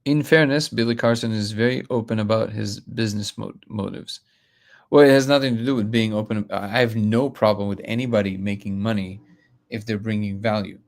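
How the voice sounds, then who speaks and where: Man, gravelly, lowish voice, live stream host, casual comment chat, blunt. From Russia. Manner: blunt, restarts often, reads viewer comments aloud.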